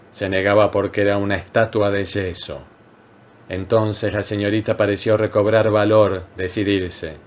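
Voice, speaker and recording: A man narrating a classic short story as an audiobook, reading in a measured, unhurried way with frequent pauses. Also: lowish voice. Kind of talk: scripted literary narration.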